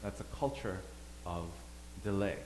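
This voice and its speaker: Pastor, male, preaches a sermon with loud peaks and hushed lines, reverberant sanctuary. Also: fairly low pitch, a little slow. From Thailand. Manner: dynamic, swings between loud emphasis and quiet asides. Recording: echoey hall, faint hum.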